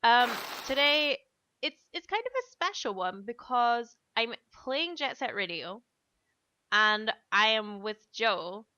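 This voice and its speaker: A woman's voice: a little high, very animated, slow pace, bright, forceful tone, no room sound, dull audio. A woman hosting a podcast, chatting in a bubbly, giggly way while she plays a video game. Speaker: podcast host. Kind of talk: casual chat while playing a video game.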